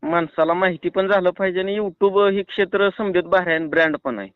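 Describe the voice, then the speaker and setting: A prank caller with a rural Maharashtrian Marathi accent talks a little fast in a high, clear, resonant voice. He keeps it casual, persuasive and reassuring, and the phone-line recording is tinny.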